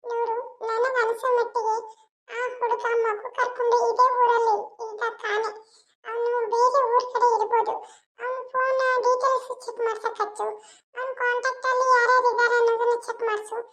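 Cartoon ghost seeking peace, very high and monotone, eerie. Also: fairly quick. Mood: soothing. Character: restless ghost seeking peace, gentle and helpful. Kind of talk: cartoon voice acting.

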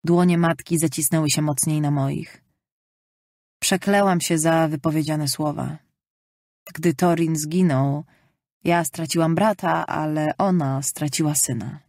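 A woman narrating a novel in the first person, calm and measured, in a studio. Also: low-pitched, dry recording. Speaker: audiobook narrator.

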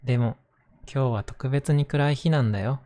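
Man voicing a gentle, lonely little toy doll. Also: mid-range voice, moderate pace, natural voice. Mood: gentle concern.

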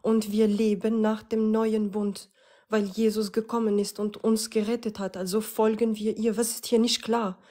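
A woman's voice: medium pitch, level tone, moderate pace, mellow. A woman calling into a livestream, speaking in a mocking and exasperated way. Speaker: caller. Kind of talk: casual call-in on a livestream.

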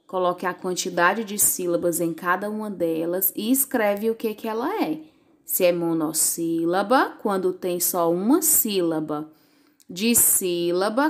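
A woman teacher slowly reading out a lesson for young children, stretching words clearly. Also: mid-range voice. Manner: slow, clear, drawn-out words for young pupils.

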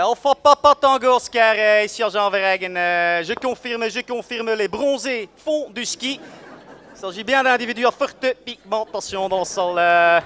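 Guy putting on a brash mocking cop voice, bright and sharp, faint crowd behind. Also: sits high. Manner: mocking, cocky, bursts into sudden shouts. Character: brash, swaggering, bigoted male police officer. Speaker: comedian at a live event. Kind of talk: live comic character sketch. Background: faint audience in a room.

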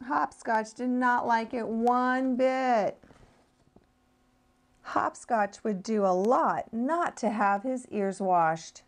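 A woman, a speech-language pathologist, reading a children's picture book aloud in an expressive, sing-song way. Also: a little high, slow.

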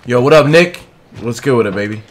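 A man's voice: medium pitch, expressive, brisk. A middle-aged man giving casual, slangy live commentary as he streams a video game. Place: indoor streaming room.

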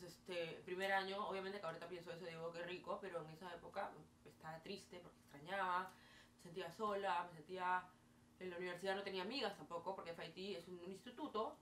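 Chatting to camera from a small bedroom, a Peruvian vlogger with a Peruvian Spanish accent tells casual stories in a voice on the low side, gesturing a lot and using many fillers. A far-off camera mic makes the recording roomy and distant, with a faint hiss.

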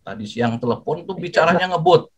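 An older man giving a lively, jokey talk to students, acting out greetings as he goes. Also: fairly high pitch, fairly quick, husky, poor audio. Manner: jokey, animated, acts out greetings. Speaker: guest speaker.

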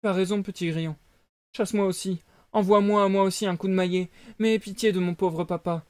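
A man voicing a naive young wooden puppet boy in a high, pleading voice. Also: steady tone, brisk, a little mellow, clear, resonant tone, no room sound, lightly acted. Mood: aigu, ému. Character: jeune pantin de bois, garçon naïf et ému.

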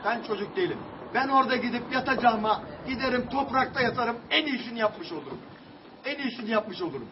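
Distraught high-voiced man pleading, shouting. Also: expressive, quick pace. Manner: pleading, repeating phrases, breaking into shouts. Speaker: protester. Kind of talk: desperate public plea to a news camera. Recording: distant, dull camera audio with faint hiss.

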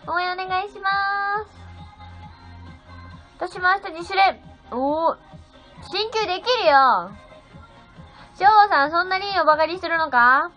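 A woman's voice: very high voice, a little slow, long pauses, pushed and bright. A seventeen-year-old girl chatting on a phone livestream, bubbly and thanking viewers one by one. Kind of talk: casual livestream chat reading viewer comments. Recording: slightly dull sound with faint music.

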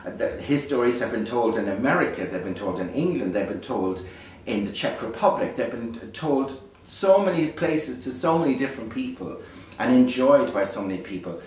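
A man's voice: mid-range voice, animated, moderate pace, a little mellow. A man from Ireland with a lilting Irish storyteller's delivery, talking casually and reflectively to camera. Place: beside a small fire in a dark stone hearth. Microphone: distant camera microphone. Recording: echoey, distant, faint background noise.

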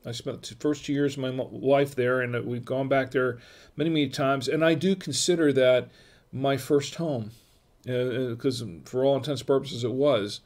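Here the voice is mid-range with a darkish tone. It belongs to an older man from Florida, USA, who records a home wine vlog on a webcam at his desk, wine bottle shelves filling the room. He rambles casually in livestream style, drifting off topic with plenty of fillers and chuckles.

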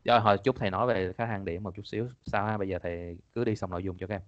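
A man's voice: on the low side, steady tone, rapid-fire, no echo, muffled recording. A man teaching an online exam-prep class in a casual, chatty way, repeating his points and laughing often. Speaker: English teacher.

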